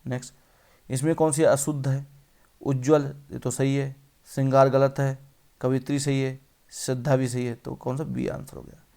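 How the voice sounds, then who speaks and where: A man's voice: mid-range voice, flat delivery, moderate pace, dark tone. A male teacher running an exam-prep spelling lesson, repeating each word and quizzing the viewer.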